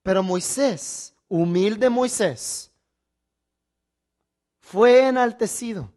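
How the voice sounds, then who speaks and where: In this Bible sermon, a male preacher drives his points home with deliberate emphasis, repeating himself and posing questions to the audience. His voice sits high and has a darkish tone.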